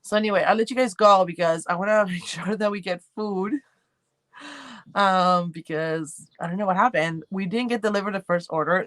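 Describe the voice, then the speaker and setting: An Argentine woman with a light accent hosts a casual livestream, chatty and rambling as she reads and answers viewers' comments. Her voice is on the low side with a fairly bright tone, and there's no room sound.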